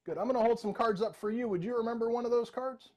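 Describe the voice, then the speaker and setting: On a video call from a bookshelf-filled room, a middle-aged mentalist and virtual magician runs jokey, interactive mind-reading patter, naming participants as he goes. His voice is very high and darkish in tone, and his pace is quick.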